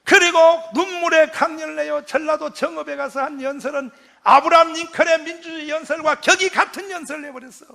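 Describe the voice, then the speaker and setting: A man, a pastor, giving a fiery patriotic lecture, shouting and leading the crowd in chanted responses. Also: very high-pitched, steady tone, fairly quick, vocal fry. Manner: acts out quoted voices.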